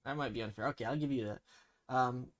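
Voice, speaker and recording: Young male, Toronto accent. Casual host, slangy, teasing banter at a middle pitch. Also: fast talker. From Toronto, Canada. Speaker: host quizzing his cousin on slang.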